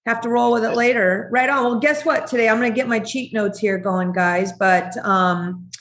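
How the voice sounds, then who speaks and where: A woman co-hosting a podcast interview chats over a video call in an upbeat, casual way, chatty and quick to laugh. Her voice is a little high, steady in tone and a bit bright, with a reverberant sound.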